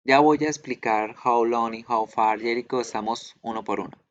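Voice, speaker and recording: A man's voice: medium pitch, fairly even intonation, normal speed, lo-fi sound, slight background noise. A man teaching an online English class, explaining patiently and repeating pronunciation drills aloud.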